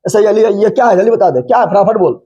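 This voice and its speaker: A male physics teacher lectures his class in a high, mellow, husky voice at a fast clip. He repeats each question back to the students and teases them with playful scolding, heard through a dull, lo-fi classroom recording.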